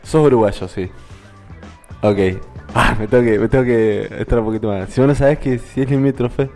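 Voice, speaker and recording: A man's voice: mid-range voice, fairly even intonation, normal speed, darkish tone, soft background music. A man, playing a guessing game on a live stream, thinking aloud and repeating himself.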